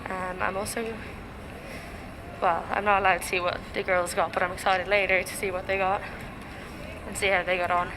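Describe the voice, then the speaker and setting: A woman's voice: mid-range voice, little pitch movement, moderate pace. A young woman talking casually and informally to a vlog camera. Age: young adult. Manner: chatty, informal. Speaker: student vlogger. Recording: noisy outdoor city vlog.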